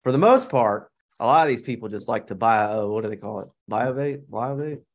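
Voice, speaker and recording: A man's voice: on the low side, brisk. A man co-hosting a podcast, arguing his opinions in casual chat. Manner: opinionated, argumentative. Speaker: podcast co-host.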